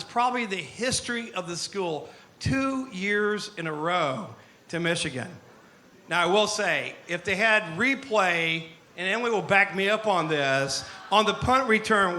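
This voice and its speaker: A middle-aged man, the father of the bride, telling rambling, animated stories in a wedding toast at a reception. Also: high-pitched. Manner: storytelling, animated, rambling with restarts.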